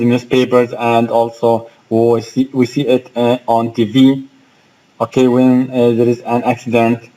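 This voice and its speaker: Male English teacher with an Egyptian accent, slow and patient, mid-pitched voice, explains each word and checks that the class follows. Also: darkish tone, low-quality recording. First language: Arabic. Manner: slow, explaining, spells out words and asks the class questions. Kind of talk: vocabulary lesson.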